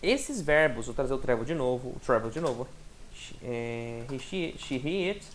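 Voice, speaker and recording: A man teaching an English lesson in a chatty, encouraging way, sounding out example words slowly and often checking in with his student. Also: mid-range voice, animated, a little hiss or hum. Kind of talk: recorded online lesson.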